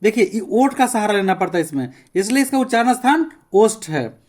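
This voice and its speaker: A male teacher gives a classroom grammar lesson. He says sounds one by one, slowly and with care, and keeps urging listeners to pay attention and try them aloud. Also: sits high, animated, darkish tone. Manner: repeats sounds slowly, enunciating each one as a demonstration.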